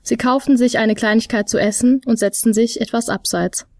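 A woman narrating a storybook with a steady, expressive reading. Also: fairly high pitch, moderate pace, no room sound, studio quality.

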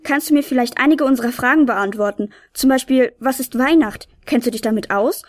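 A woman's voice: sits high, a little fast, no room sound, studio quality, close to an everyday voice. A woman voicing a small, drowsy boy flute player who asks puzzled, curious questions. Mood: puzzled, eager.

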